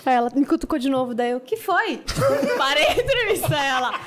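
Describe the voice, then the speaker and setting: A woman in her thirties with a Brazilian Portuguese accent, a podcast co-host telling stories in casual chat, lively and quick, acting out quotes with casual swearing. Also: high voice, background noise.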